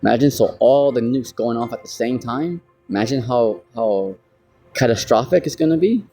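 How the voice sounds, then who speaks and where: A man's voice: mid-range voice, moderate pace, mellow, faint music behind. An American man teaching from the Bible in a casual, rambling way, often saying "you know". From United States. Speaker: street preacher.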